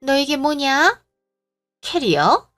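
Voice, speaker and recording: A woman's voice: high voice, very animated, slow pace, a bit bright, soft background music, pitched above the performer's own voice, exaggerated voice. A woman voicing a pushy, greedy middle-aged mother-in-law who scolds and makes demands, in a storybook drama reading. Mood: scornful.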